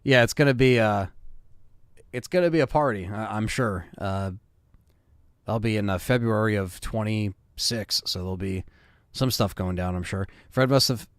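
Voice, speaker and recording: A man's voice: lowish voice, normal speed, smooth, no room sound. A man in his thirties hosting a live stream, chatting casually and reading viewer comments with loose fillers. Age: 30s.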